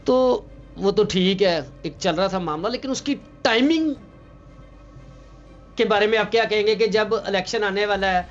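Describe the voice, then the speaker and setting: Male talk show host, high voice, probing questions, slightly muffled audio with faint music. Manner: probing, pushes back with follow-up questions. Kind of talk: interviewing a guest on a political talk show.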